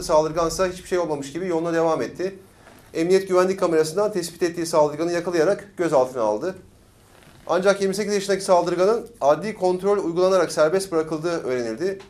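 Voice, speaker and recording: Fast-reading male news co-host. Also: high-pitched, darkish tone. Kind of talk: read-out news report.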